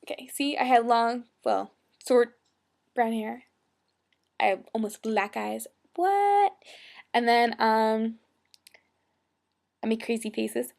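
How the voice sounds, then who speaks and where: A woman in her twenties talks casually to her webcam in a hyper, bubbly way. Her voice has a gravelly fry, and she slips into whispered asides between her chatter. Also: on the high side, little pitch movement, slow pace, pauses often. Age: 20s. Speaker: role-play blogger.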